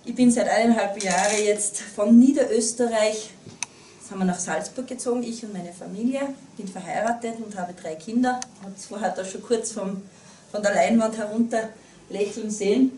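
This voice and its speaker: A guest speaker, a woman in her thirties with an Upper Austrian accent, gives an earnest public talk to a small group in a small meeting room, restarting sentences often and using many fillers. Her voice is medium-pitched, warm, and at a normal speed, with a little hiss or hum. A far camera picks her up, so the audio sounds roomy and distant.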